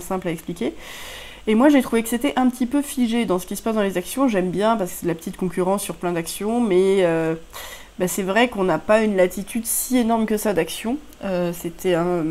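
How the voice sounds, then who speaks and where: Woman, mid-pitch, casual board game review, halting delivery full of fillers. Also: darkish tone. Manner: hesitant, many "euh" fillers, loose unscripted explaining.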